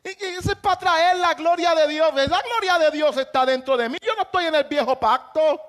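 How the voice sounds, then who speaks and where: A man preaching a sermon as pastor, impassioned, often raising his voice to a shout for emphasis. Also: very high-pitched, moderate pace.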